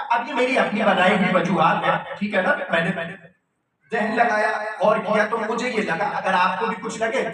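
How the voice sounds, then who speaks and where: High-voiced male preacher in echoey hall. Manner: engaging, quizzes the audience with rhetorical questions; recites Arabic phrases, then explains them. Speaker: Shia cleric addressing a mourning gathering. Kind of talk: majlis sermon. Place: large prayer hall with a live audience. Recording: echoey hall, distant mic, background noise.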